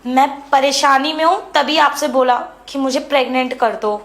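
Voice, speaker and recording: A woman playing a frustrated young married woman who pleads with her brother-in-law, insistent and hushed. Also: sits high, steady tone, normal speed. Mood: pleading. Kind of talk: Hindi web series dialogue. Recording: echoey room.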